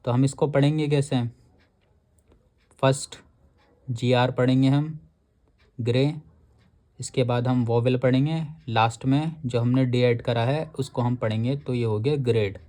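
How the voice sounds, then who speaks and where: A man's voice: medium pitch, fairly even intonation, a little slow, long pauses, warm tone. A man teaching a shorthand lesson, explaining each rule step by step and reading the rule text aloud word by word.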